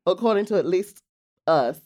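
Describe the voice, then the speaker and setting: A man's voice: high-pitched, expressive, moderate pace, a little mellow. A man co-hosting a podcast, chatting casually with sassy, slangy comic banter. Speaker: podcast co-host. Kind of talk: casual comedic chat.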